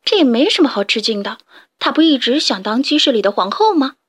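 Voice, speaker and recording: A woman's voice: on the high side, sing-song, brisk, slightly rough, dry recording. A woman voicing jealous hens in a storybook, sneering and scornful. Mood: gossiping. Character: jealous gossiping hens in the coop.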